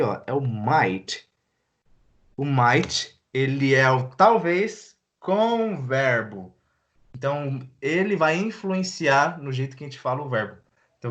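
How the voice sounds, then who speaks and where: A young man from Brazil teaching English online, easygoing and slangy, slowing down to model English phrases. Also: medium pitch, a bit bright. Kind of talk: live online English lesson.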